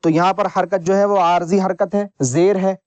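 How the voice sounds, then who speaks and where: A man teaching Quran reading rules in a patient lesson, repeating each point and spelling out letters slowly. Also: sits high, steady tone, a little mellow, no room sound, highs cut off. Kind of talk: slow instructional lesson.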